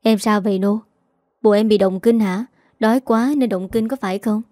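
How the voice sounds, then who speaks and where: A woman voicing a kind young wife in a country household who speaks gently and fusses over those around her. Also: mid-range voice, steady tone, normal speed, no echo, clean studio sound, natural voice. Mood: worried.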